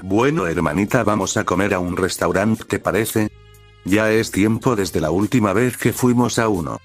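A man voicing a hot-tempered, protective older sister who scolds and shouts. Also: lowish voice, moderate pace, faint music behind, close to an everyday voice. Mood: brash.

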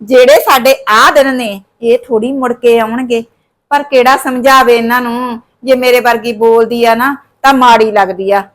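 A nagging middle-aged mother-in-law from a village drama, grumbling about her family, played by a woman. Her voice sits high and she speaks, scolding and complaining at length. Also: steady tone, normal speed, fairly bright tone, lightly acted. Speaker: actor in a short village drama. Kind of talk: scripted village short film acting.

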